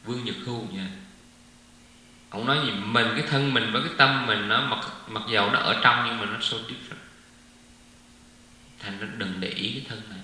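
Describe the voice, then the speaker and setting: Man, informal dharma talk, very bright forceful voice, long hall reverb with faint hum. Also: on the low side, moderate pace, long pauses. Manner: chatty, keeps asking "right?" of listeners, drops in English words. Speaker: Buddhist dharma speaker.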